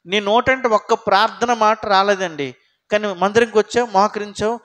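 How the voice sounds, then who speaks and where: A man with a notably high-pitched voice preaching a sermon. He keeps it conversational, pausing often to put questions to his congregation and then answering them himself. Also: fairly bright tone. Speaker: pastor.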